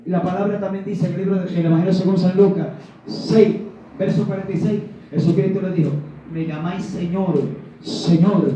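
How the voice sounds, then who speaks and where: Male preacher from Ecuador, high voice with a mellow tone, animated sermon delivery, miked from a distance in a very echoey room. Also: highs cut off, a little hiss or hum. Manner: animated, rhetorical questions to the congregation, acts out little dialogues. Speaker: evangelist preacher. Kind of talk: Pentecostal sermon.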